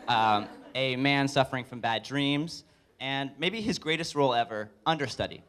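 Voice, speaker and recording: A young adult man giving a wedding toast as best man, joking with deliberate comic pauses. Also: medium pitch, a bit bright. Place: live speech at a wedding reception.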